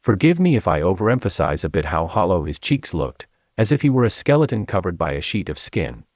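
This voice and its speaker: A man from China, narrating his memoir as an audiobook in an expressive storytelling manner. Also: sits low, brisk, no echo, clean studio sound.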